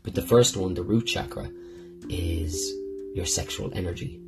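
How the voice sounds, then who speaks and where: A man's voice: sits low, unhurried, gravelly. A man hosting a podcast in a rambling, heartfelt personal monologue, swearing often as he talks. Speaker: podcast host. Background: guitar music.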